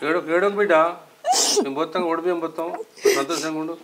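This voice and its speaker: A man's voice: fairly high pitch, very noisy, natural voice. An actor playing a middle-aged village father who coaxes and consoles his children in a Telangana accent. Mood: consoling. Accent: Telangana Telugu. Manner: coaxing, consoling, brisk. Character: older village father, soothing and fond.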